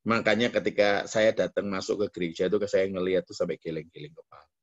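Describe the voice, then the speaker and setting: A man with a Javanese accent preaching a lively sermon as pastor, jumping into mock voices and quoted asides. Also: low-pitched, quick pace, lo-fi sound.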